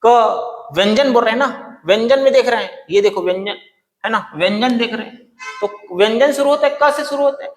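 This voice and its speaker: A man's voice: very high voice, brisk, faint music behind. A man teaching a grammar lesson who keeps asking his class questions and answering them himself, repeating the key terms over and over. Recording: roomy reverberant room.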